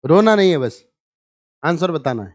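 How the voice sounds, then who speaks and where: A man's voice: a little high, big pitch swings, moderate pace, a little mellow, highs cut off. A male chemistry teacher lectures a live class. He keeps a teasing, bantering tone with his students. He works through each problem step by step and calls on them for the answers.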